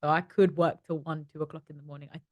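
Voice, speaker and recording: A woman's voice: deep voice, fast talker, dry recording, studio quality. A young woman from East London with a London accent, telling stories in a casual interview as a company co-founder. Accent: London English. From East London, England. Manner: chatty, animated storytelling with acted-out inner voices. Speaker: startup co-founder, guest.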